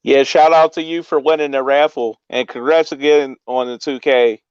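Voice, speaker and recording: A smooth male voice with an American accent, pitched a little high. He chats casually as a stream guest, over audio that is dry and somewhat dull. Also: fairly even intonation, moderate pace, dry recording. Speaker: livestream guest. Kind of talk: casual chat.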